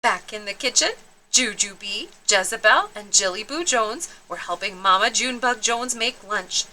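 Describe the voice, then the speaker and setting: A woman storytime host reading a children's picture book aloud with expressive, dramatic emphasis. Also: medium pitch, normal speed, a little hiss or hum, rough recording. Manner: animated, emphatic, dramatic delivery.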